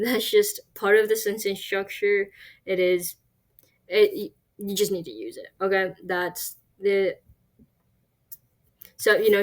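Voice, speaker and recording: A woman talks through a recorded language lesson at a middling pitch for her sex. She explains step by step, restarts her sentences, and keeps asking "right?" to check in. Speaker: Chinese language teacher.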